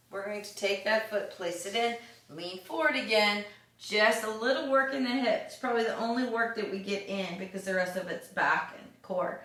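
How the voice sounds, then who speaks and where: A woman yoga instructor guides a home exercise class, counting each hold out slowly and cheerfully. She has the hiccups. Her voice carries an echo from the room and sits away from the microphone. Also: mid-range voice, pushed and bright. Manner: slow counting cues, upbeat and encouraging. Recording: echoey room, voice from a distance.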